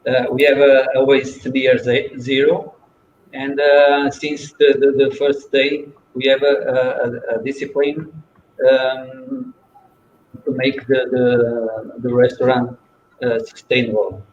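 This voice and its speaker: A man from Portugal speaks slowly and haltingly in a flat voice, restarting his words again and again. He sounds far from the mic, in a roomy space. The sound is muffled, with faint noise behind him. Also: medium pitch. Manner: hesitant, many restarts. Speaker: restaurant owner. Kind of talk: online panel introduction.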